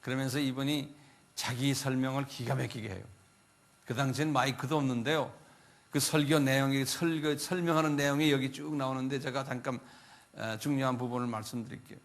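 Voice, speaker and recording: A man's voice: mid-range voice, fairly quick. A male pastor giving a Bible lecture, telling the story in a conversational way and often asking his listeners questions. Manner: animated storytelling, acting out biblical quotes; conversational, asks the audience questions.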